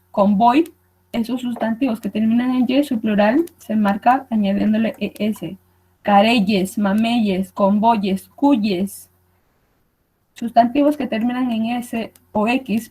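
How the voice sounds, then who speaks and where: A woman's voice: a little high, mellow, husky, low-quality recording. A woman teacher gives a recorded online lesson, explaining patiently and checking in with her students as she goes. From Peru.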